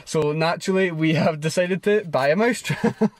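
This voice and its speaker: A man's voice: on the high side, normal speed, no room sound. A young man hosting a casual vlog, joking around and laughing, swearing freely. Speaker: vlog host.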